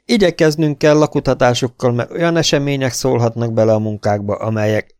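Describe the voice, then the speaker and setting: A man reading the part of a calm, commanding spaceship captain in an audiobook. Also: medium pitch, clean tone, no echo, clean studio sound, pitched above the performer's own voice, natural voice.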